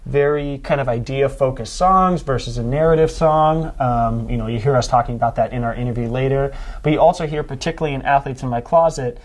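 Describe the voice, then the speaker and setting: A man's voice: mid-range voice, fairly quick, few pauses. A young man hosting a music podcast, talking casually with lots of fillers and restarts. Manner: rambling, many fillers and restarts. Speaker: podcast host.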